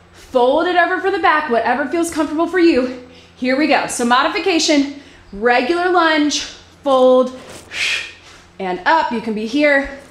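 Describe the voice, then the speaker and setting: A woman's voice: sits high, reverberant. Out-of-breath woman coaching a workout. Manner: encouraging cues while exercising along. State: a little out of breath. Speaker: fitness instructor.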